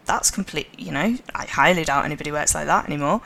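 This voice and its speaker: A woman with a Liverpool accent speaks in a low register with a gravelly rasp. She talks with confidence and emphasis as a guest in a casual podcast interview. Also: bright, forceful tone, a little hiss or hum. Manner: confident, emphatic, quick to laugh. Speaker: podcast guest, sustainability lead.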